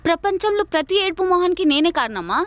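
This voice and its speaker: An actress playing a lazy, sarcastic office worker who answers everyone with wisecracks. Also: female voice, very high voice, sing-song, quick pace, dry recording. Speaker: office employee avoiding work. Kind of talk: web series acting.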